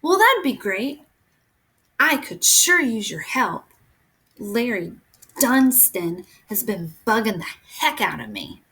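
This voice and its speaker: A woman voicing a playful boy who jokes in a creepy, croaky voice, in a storybook read-aloud. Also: mid-range voice, sing-song, takes it slowly, sharp tone, full character voice. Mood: chatty. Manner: teasing. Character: joking boy, the hero's playful best friend.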